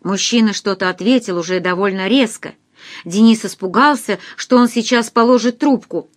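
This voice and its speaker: A woman narrating an audiobook in an even, expressive reading. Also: mid-range voice, moderate pace, no room sound, studio quality. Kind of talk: scripted literary narration.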